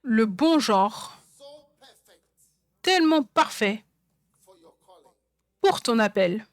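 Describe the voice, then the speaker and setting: A woman's voice: a little high, lively intonation, drawn-out words, dry recording. Emphatic woman preacher, dry sound. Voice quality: songwriter speaking of her own songs. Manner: emphatic, repeats phrases for stress. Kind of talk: sermon.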